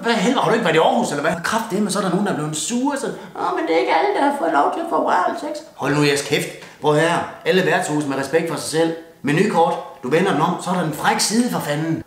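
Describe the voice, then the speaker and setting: A young Jutlandic man delivers a crude comic rant, cursing with nearly every breath and stopping to toast with his beer. His voice sits a little higher than most men's. The room around him rings with a noticeable echo. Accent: Jutlandic Danish. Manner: swears constantly, blunt and rowdy, toasts with a beer. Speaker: comedian doing a mock New Year's speech.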